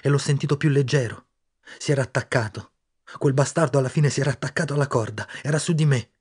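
Male audiobook narrator with a husky, mid-pitched voice and a steady, measured read. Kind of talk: first-person audiobook narration.

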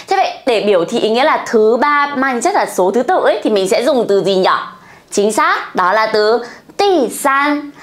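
A Vietnamese woman teaching a lesson, asking questions and answering them herself, drawing out the words she models. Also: on the high side. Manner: asks and answers her own questions, playful. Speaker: Chinese teacher. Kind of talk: online language lesson.

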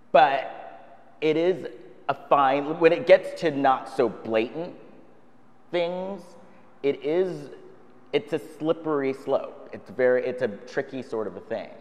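A man's voice: medium pitch, big-room sound. A man in his thirties, a stand-up comedian, speaking animatedly in a documentary interview on a lapel mic. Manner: animated, gesturing widely.

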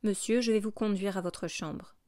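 A gentle old bishop speaks in a soft, calm and welcoming way, as a woman reader voices him. The pitch sits in an ordinary middle range. The recording is dry and close. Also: moderate pace, no room sound, close to an everyday voice. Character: kind, gentle older male bishop.

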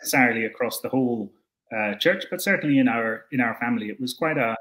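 A man's voice: medium pitch, fast talker, a bit bright. A young Scottish man answering interview questions on a video call, thoughtful and hesitant with many fillers and restarts. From Scotland. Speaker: interview guest. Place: indoor room at home.

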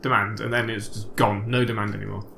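A man's voice: fairly low pitch, level tone, fairly quick, creaky, bright, forceful tone. A young British man joking around while playing a city-building game with a friend. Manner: joking, playful, banters. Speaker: let's play co-host. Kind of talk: casual gameplay commentary. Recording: noisy home recording.

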